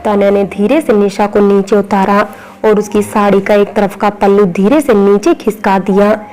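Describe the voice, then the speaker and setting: A woman reading a romantic story aloud as scripted narration, in a flat, even manner. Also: mid-range voice, normal speed, rough recording.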